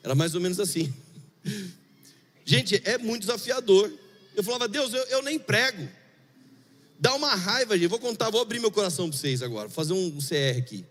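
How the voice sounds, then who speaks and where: A man preaching as a pastor, speaking in a chatty, confessional way, dropping to quiet murmurs and rising into fervent bursts. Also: high voice, lively intonation, a little fast. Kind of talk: sermon. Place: church hall. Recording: long hall reverb.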